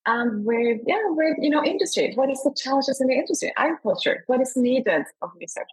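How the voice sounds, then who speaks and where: A woman's voice: sits high, animated, fairly quick, breathy edge, low-quality recording. A woman from Scandinavia, an investor and award founder, talking enthusiastically in an interview. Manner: enthusiastic, emphatic.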